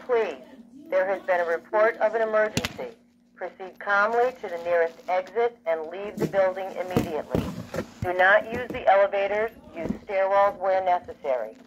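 A woman reads a formal, measured pre-recorded evacuation order, instructing listeners through a fire alarm speaker. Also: medium pitch. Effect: played through a fire alarm speaker. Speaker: evacuation announcer. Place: small alarm speaker on carpet in a room, phone recording. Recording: dull, noisy alarm speaker playback.

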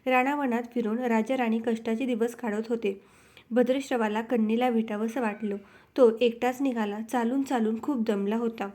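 A woman storyteller narrating a devotional tale in a measured, rhythmic recital. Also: fairly high pitch, steady tone, dark tone.

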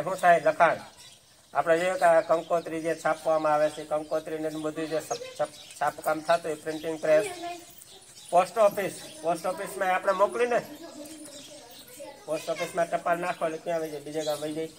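A male schoolteacher teaching a class of schoolchildren. He keeps checking in with the class, asks them questions and answers them himself. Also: fairly high pitch.

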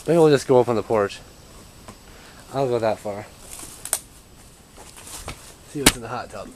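A young adult urban explorer vlogger films himself with a handheld camera outdoors in an overgrown yard, speaking hesitantly and uneasily and trailing off mid-sentence. His voice is mid-range and a little slow, with background noise.

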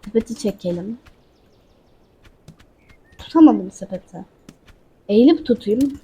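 A woman with a high, airy voice gives casual let's-play commentary, chatting to her viewers as she plays. Her tone is soft and a little breathy. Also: lively intonation, measured pace. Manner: chatty, talks to viewers and the game character. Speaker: gaming channel host.

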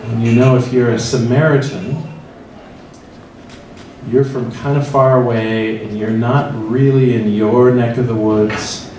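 A man's voice: mid-range voice, fairly even intonation, measured pace, a little mellow, slight background noise. Man, middle-aged, Midwestern American accent, church forum leader, reflective second-person storytelling, distant mic, very echoey hall. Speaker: priest leading a church forum. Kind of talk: guided meditation and interactive forum talk. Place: large church hall with tables of people. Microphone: handheld mic, filmed from far across the room.

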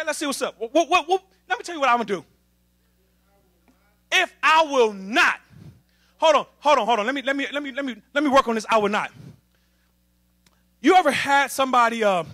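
High, bright, animated male preacher. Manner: animated, humorous call-and-response preaching with the congregation. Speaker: assistant minister. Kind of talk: lively sermon. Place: church sanctuary.

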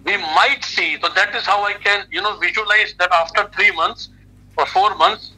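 Sharp, high-pitched Indian man on video call. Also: normal speed, slightly rough, poor audio. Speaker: expert guest, education adviser. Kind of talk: explanatory interview talk. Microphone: video call on a phone speaker.

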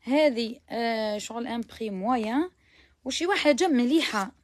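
A woman's voice: a little high, fairly quick, no room sound. A woman with an Algerian Arabic accent showing abayas to viewers in a chatty shop walkthrough, mixing in French words and sometimes dropping to a near whisper. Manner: chatty, mixes French words, praising each garment. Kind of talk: live shopping try-on walkthrough.

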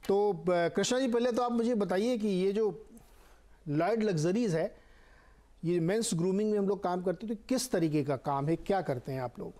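Male news anchor, high mellow voice, studio interview host. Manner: measured questions with drawn-out fillers. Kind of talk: TV business interview.

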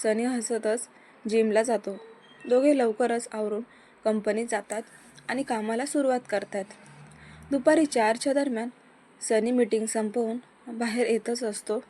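A woman reads a romance story aloud in a fairly high voice. She voices the characters' dialogue with lively rises. Faint background noise runs under the recording. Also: measured pace. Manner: lively voicing of dialogue, rising for the characters' lines.

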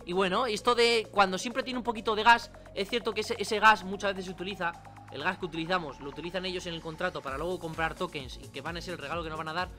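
Chatty bright-voiced man explaining. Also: high voice, steady tone, fast, soft background music. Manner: chatty, informal, many asides and tag questions. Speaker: crypto channel host. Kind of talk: screen-recorded tutorial.

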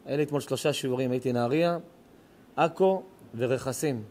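A man's voice: medium pitch, darkish tone. A middle-aged man, a rabbi, telling a heartfelt story in a moral sermon, his voice rising and cracking with emotion. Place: synagogue or home lecture hall.

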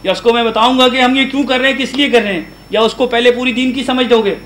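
A man's voice: very high-pitched, steady tone, a bit bright, a little hiss or hum, low-quality recording. A man giving a religious lecture as a Quran teacher. He keeps asking his audience questions and mixes English words into his talk. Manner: asks the audience frequent questions; chants prayer verses aloud.

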